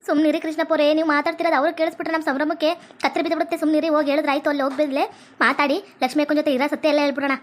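Woman as a young village wife, very high voice, rapid pleading talk. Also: flat delivery, natural voice. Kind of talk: comedy sketch acting.

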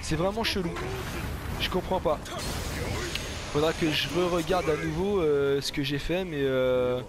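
A man's voice: fairly high pitch, a little slow, loud music behind the voice. A man giving casual game commentary as host of a gaming video, chatty, informal and slangy.

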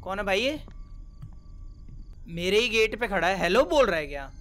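A young man giving joking, excitable commentary while playing a horror game, with loud reactions. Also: high-pitched, normal speed, soft background music. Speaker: gaming YouTuber.

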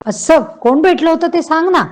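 A woman voicing a blunt, outspoken older aunt who teases and scolds loudly, in a read-aloud novel. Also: extremely high pitch, normal speed, voice pushed up. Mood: teasing, scolding. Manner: loud, scolding, exclaiming.

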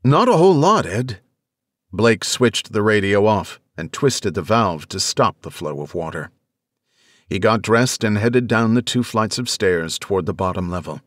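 A man reading an audiobook in scripted narration, with measured, even storytelling. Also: on the low side, no echo, studio quality.

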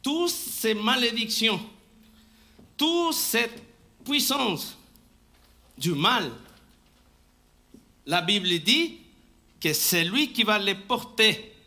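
A man preaching a live sermon in church, slow and emphatic, often restarting his phrases and asking for the next slide. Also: high-pitched, very animated, sharp tone. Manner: talks to the congregation and asks for the next slide. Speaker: pastor. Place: church sanctuary, indoors.

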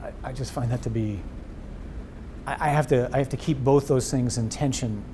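A male priest guides a conversational discussion of faith at a moderate pace, his voice warm, mellow, and steady in tone. He's earnest and animated, restarting phrases as he thinks aloud. A faint rumble sits under this indoor recording, made before a wall of memorial crosses.

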